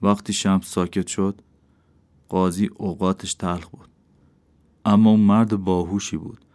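Low-voiced male audiobook narrator. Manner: steady, earnest storytelling. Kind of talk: scripted narration.

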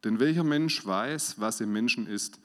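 A man preaching a sermon as pastor, swinging between loud emphasis and quiet asides. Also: medium pitch, measured pace. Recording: hall reverb.

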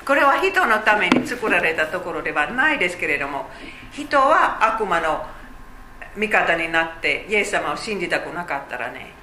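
A woman's voice: on the low side, sing-song, normal speed, pushed and bright, roomy sound, a little hiss or hum, poor audio. A woman teaching a Bible study, explaining chattily with fillers and asides.

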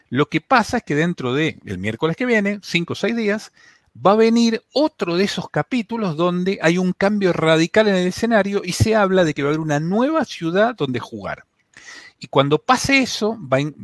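A man's voice: fairly high pitch, no echo, studio quality. A man from Argentina with a Buenos Aires accent, chatting casually on a radio show and explaining things at length with many restarts. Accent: Buenos Aires Spanish. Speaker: tech segment contributor.

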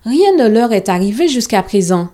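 A woman voicing a stubborn little boy who loves his toy cars, speaking in a high, childish, whining tone. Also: sing-song, moderate pace, warm tone.

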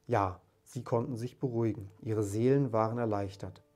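A man with a low voice reads a classic tale aloud as an audiobook narrator. His delivery is calm and measured, and soft music plays faintly behind him.

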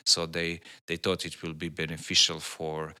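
A man with a Serbian accent and halting non-native English phrasing, answering conversationally as an interview guest. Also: extremely low pitch, monotone, pushed and bright, clean tone. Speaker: interview guest, Bible school director.

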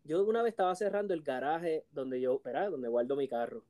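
A man, co-hosting a casual podcast chat, telling animated stories and laughing often. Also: on the high side, brisk. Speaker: co-host.

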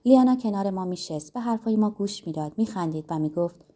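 A woman narrating a story in a reflective, measured way. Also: medium pitch, lively intonation, dark tone. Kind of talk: audiobook narration.

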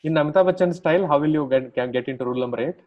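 A man's voice: a little high, racing. A man with an Indian accent interviewing in a conversational way, repeating short phrases. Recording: dull, lo-fi audio.

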